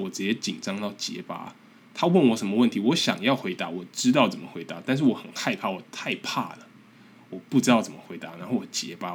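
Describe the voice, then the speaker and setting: Husky Taiwanese-accented podcast host. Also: male voice, lowish voice. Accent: Taiwanese Mandarin. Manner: earnest, encouraging, self-deprecating. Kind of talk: casual podcast monologue.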